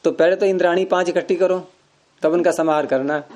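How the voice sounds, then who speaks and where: A man's voice: high voice, fairly even intonation, brisk, darkish tone. A man teaching Sanskrit grammar in an informal class, explaining patiently with everyday examples.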